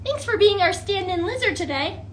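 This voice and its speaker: Her voice is extremely high-pitched at a normal speed as she, a librarian, leads an interactive storytime for children. She's animated, exaggerating her wonder and asking coaxing questions, over a little hiss or hum.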